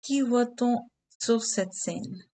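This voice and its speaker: Slow, deliberate woman teaching French. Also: fairly high pitch, mellow. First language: Hindi. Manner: slow and deliberate, repeating key words. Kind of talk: slow beginner French lesson with English glosses.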